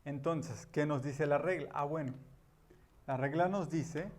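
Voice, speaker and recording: Male teacher, slightly high voice, unhurried; explains grammar step by step, repeats key words. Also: a little mellow. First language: Spanish. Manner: patient, repeats key words, many "ujú" and "ajá" fillers. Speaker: English teacher.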